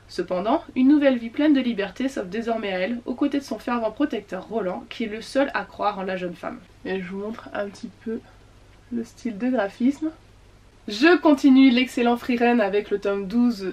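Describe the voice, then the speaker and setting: A book vlogger with a fairly high, slightly mellow voice chats casually about her latest book purchases in a book haul, using many fillers and self-corrections. The recording is muffled.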